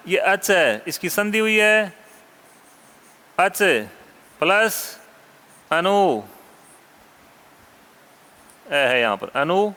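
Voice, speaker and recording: A man teaching a Sanskrit grammar lesson, asking questions and answering them himself, repeating key terms slowly and dropping casual asides to students. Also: high-pitched, bright, forceful tone, big-room sound. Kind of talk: classroom lecture.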